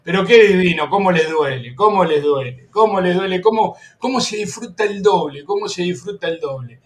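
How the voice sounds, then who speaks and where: A man with an Argentine accent hosting a sports talk radio show, animated and mocking, laughing often and giving orders to the control room. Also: high voice, a little fast. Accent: Argentine Spanish.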